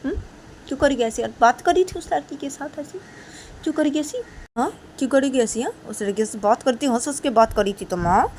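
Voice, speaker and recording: A woman voicing an angry, jealous female teacher who scolds and threatens loudly, while telling a story. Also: high voice, a little fast, a little hiss or hum, lightly acted. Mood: scolding. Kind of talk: storytelling role-play.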